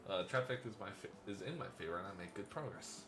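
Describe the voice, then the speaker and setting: Deep-voiced man reading a visual novel. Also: lively intonation, fast talker, over music. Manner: first-person game narration, playful asides and chuckles. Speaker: let's play host.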